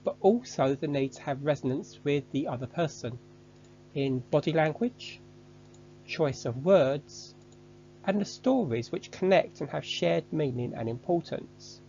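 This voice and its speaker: A man giving a measured, structured, scripted online lesson as a course instructor. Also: on the high side, animated, mellow, lo-fi sound, slight background noise.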